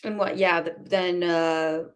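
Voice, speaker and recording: A woman's voice: on the low side, steady tone, takes it slowly. A woman co-hosting a podcast in casual chat, bubbly and enthusiastic, laughing often. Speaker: podcast co-host.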